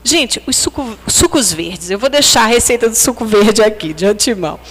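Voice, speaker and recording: A woman's voice: fairly high pitch, lively intonation, moderate pace, fairly bright tone. A woman with a Brazilian accent giving a conversational religious lecture at a spiritist center, often asking the audience for agreement. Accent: Brazilian Portuguese. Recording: hall reverb.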